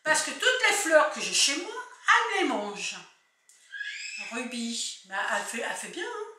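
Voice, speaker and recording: A woman's voice: high-pitched, big pitch swings, normal speed. A woman in her fifties with a Picard French accent, chatting casually through a shopping haul and rambling, often restarting her sentences. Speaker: vlogger. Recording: echoey room, distant mic, faint noise.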